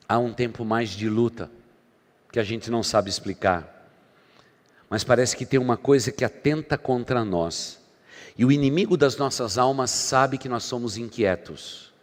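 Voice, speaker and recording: Pastor preaching in an echoing church. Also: male voice, mid-range voice. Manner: dramatic preaching, swinging between loud emphasis and soft asides. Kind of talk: sermon. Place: church sanctuary. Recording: long hall reverb from church.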